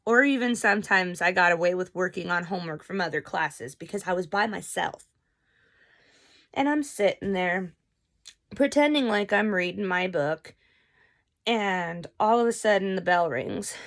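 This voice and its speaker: A young adult woman vlogger tells a story in a casual, animated way and swears freely. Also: on the low side, gravelly. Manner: animated, profane, chatty.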